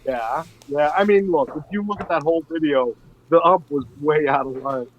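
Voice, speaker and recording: A man's voice: fairly high pitch, moderate pace, a little hiss or hum. A man in his fifties, a show producer, chatting casually on a podcast and rambling through stories. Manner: rambling, animated storyteller. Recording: dull lo-fi sound.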